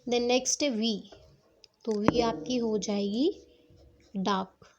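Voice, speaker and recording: A woman's voice: a little high, steady tone, slow pace, lo-fi sound, background noise. A woman teaching shorthand strokes step by step, patiently checking that her students follow. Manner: patient, repeats "ठीक है" to check understanding. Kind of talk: step-by-step classroom explanation.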